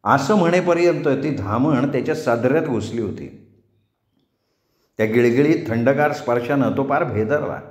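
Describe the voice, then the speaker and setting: A male storyteller narrating a village tale in a vivid, expressive manner. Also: mid-range voice, normal speed. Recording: roomy echo.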